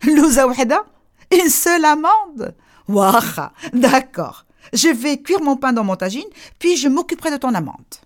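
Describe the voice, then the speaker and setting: A woman's voice: high voice, big pitch swings, measured pace. A woman voicing a kindly, flustered village neighbor in a told folk tale, fussing and exclaiming.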